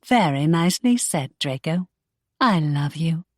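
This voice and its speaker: Woman doing an earnest young lady, lively playful lines, dry close sound. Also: low voice, a little slow, no room sound.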